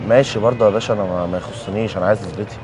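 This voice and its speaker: A man's voice: lowish voice, rapid-fire, noisy background. An Egyptian man hosting a hidden-camera street prank, stubbornly insisting on his cut. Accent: Egyptian Arabic. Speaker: social experiment host. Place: street beside a car. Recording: clear music bed over street audio.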